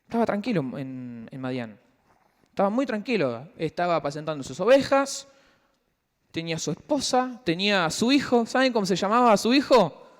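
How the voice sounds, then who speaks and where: A man with a Rioplatense accent leading a youth Bible study in a casual, lively way, asking the group questions and retelling scenes. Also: high voice, a little fast. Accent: Rioplatense Spanish. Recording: long hall reverb.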